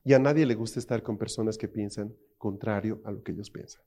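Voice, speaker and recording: Emphatic Spanish-speaking preacher. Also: male voice, fairly low pitch, quick pace, dark tone. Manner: emphatic, full of rhetorical questions to the congregation. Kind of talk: sermon.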